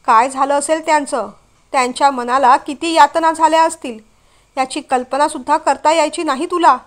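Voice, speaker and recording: Woman reader as an angry middle-aged mother, reproachful and scolding, high pitch. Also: fairly even intonation, normal speed, natural voice.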